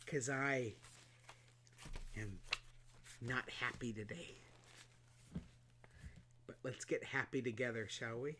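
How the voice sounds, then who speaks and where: A man reading a children's storybook aloud, expressive and animated, with playful asides. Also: medium pitch, slow, long pauses, background noise. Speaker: reader.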